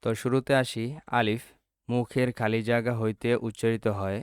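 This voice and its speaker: A man from Bangladesh teaching the Arabic letters in a slow lesson, saying each sound and repeating it for viewers. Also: mid-range voice, steady tone. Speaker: Quran teacher. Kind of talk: slow step-by-step alphabet lesson.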